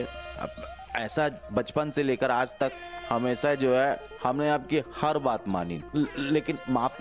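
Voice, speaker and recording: An actor playing a younger relative who hesitantly but firmly refuses to give in after being insulted. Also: male voice, mid-range voice, close to an everyday voice. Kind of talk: sitcom acting.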